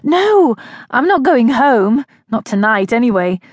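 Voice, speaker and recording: A woman's voice: a little high, very animated, measured pace, no echo, voice pushed up. A woman narrator voicing a flustered young woman caught in a crowd, speaking urgently and breathlessly.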